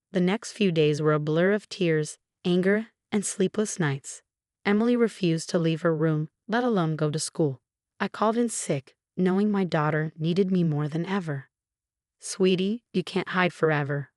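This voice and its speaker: A woman with a fairly low voice tells a first-person story in a steady, even way. The sound is dry and close, with no room around it. Her delivery stays measured as she narrates. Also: no room sound.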